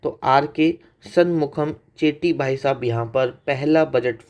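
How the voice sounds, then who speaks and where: Unhurried and slightly high with a darkish tone, this man's voice carries an economics lecture geared to exam preparation. He quizzes the class, drills the key facts through repetition, and blends English terminology into his Hindi.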